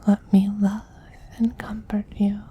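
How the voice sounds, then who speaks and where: In a soft, breathy, high-pitched whisper with a level tone, a man plays a doting, possessive femboy vampire queen, ASMR-roleplay style. He's slow, tender and gently commanding, soothing and loving, with a little hiss or hum on the audio.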